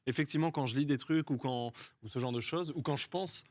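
Guy rambling fast in a stream chat, dry sound. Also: a little high, dry recording. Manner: rambling, searching for words. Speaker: guest. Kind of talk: casual group chat.

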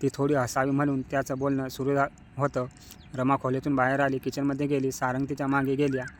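A man narrating a family story in a steady, even reading voice. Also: mid-range voice, brisk, a little hiss or hum.

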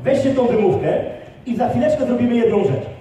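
An energetic male speaker leads a live seminar, pushing the audience with rapid questions. His voice is fairly high but mellow. He is picked up from far off, in a big hall that echoes heavily, with faint noise behind him. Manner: energetic, rallying the crowd with quick questions. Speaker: motivational speaker.

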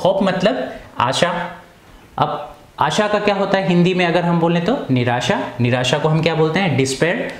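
Hindi-speaking male teacher, echoey room. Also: fairly high pitch. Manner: explains in Hindi mixed with English, asks questions and answers them himself; slow, deliberate English reading. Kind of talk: classroom lesson explanation.

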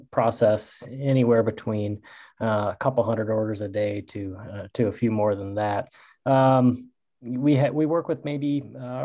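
A man in his thirties, a startup cofounder, talking in a measured way with many fillers in a video call from an office. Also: fairly low pitch, dark tone. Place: office with drop ceiling.

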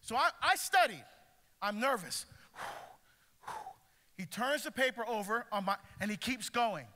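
Speaking to a school crowd, a middle-aged man from Barbados, a deacon, preaches with lively, forceful passion in a high, unhurried voice. He moves around the stage of a large indoor school pavilion, and long reverb from the hall fills the recording.

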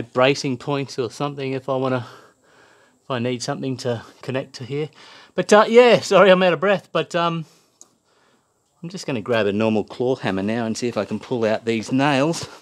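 A man's voice: medium pitch, a little fast. Chatty Australian DIY guy. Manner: chatty, self-mocking, rambling with fillers. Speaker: DIY home renovation vlogger. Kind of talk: casual DIY vlog. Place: indoors in a house under renovation.

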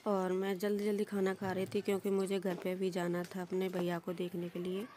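A woman's voice: medium pitch, completely flat delivery, fairly quick, dark tone, a little hiss or hum. A woman chatting through a homely voice-over for her family vlog, recorded at home. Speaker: vlogger.

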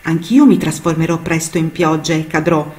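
A woman's voice: low-pitched, normal speed, a little mellow, natural voice. A woman voicing a young, curious female cloud in a storybook tale, with an eager, wondering manner.

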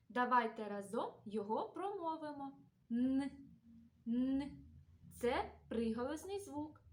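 A preschool teacher with a Ukrainian accent speaks in a high, bright-toned voice. She draws each word out slowly and carefully for small children. Her voice rings in an echoey room. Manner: slow, carefully enunciated, sounding out words. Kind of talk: children's literacy lesson.

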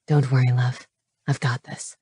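A woman voicing a protective young male dragon shifter with a low, growling voice. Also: normal speed, a little mellow, dry recording, clean studio sound, lightly acted. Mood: tender. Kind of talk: audiobook character voice.

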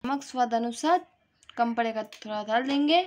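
A woman with a high voice hosts a casual cooking video from her home kitchen. She talks the viewer through each ingredient in a chatty, step-by-step way, recorded on a phone with faint frying noise behind her. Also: normal speed, a little mellow, low-quality recording. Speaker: cooking channel host.

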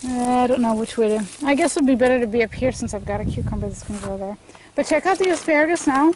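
Middle-aged gardener lady, bit high-pitched, throat a little clogged, rambles with lots of ums outdoors. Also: fast talker, a little mellow, a little hiss or hum. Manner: chatty, thinks aloud with many fillers and restarts. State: throat congested from allergies. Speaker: homestead gardening vlogger. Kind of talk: casual garden walkthrough. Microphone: handheld camera at arm's length.

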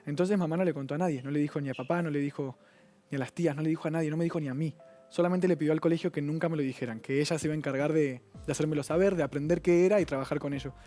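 Fast-talking young Argentine man, earnest. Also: on the high side, warm tone, soft background music. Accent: Rioplatense Spanish. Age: 20s. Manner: earnest, rapid, reflective. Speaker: guest. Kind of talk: personal account on a TV talk show.

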